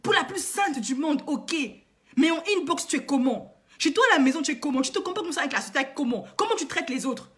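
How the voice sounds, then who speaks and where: A woman vlogger and coach delivers an impassioned moralizing monologue to her viewers, full of indignant, emphatic rhetorical questions and heavy repetition. Her voice sits high, animated and fast.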